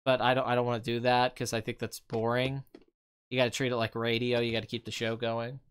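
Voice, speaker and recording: Brisk, clear and resonant, this man's medium-pitched voice has a flat delivery. He hosts a casual, wandering live stream commenting on films, and his voice is showing strain and fatigue after two hours of talk.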